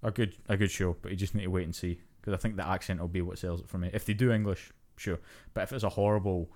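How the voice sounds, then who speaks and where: Speaking quickly in a low register, this young podcast co-host launches into a casual, animated rant. Profanity flows freely as he chats.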